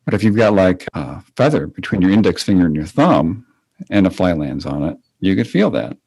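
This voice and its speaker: A man co-hosting a podcast as a Feldenkrais teacher, explaining ideas in a relaxed way with fillers. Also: low-pitched, brisk, creaky, slightly rough, no room sound, rough recording. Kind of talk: casual conversation.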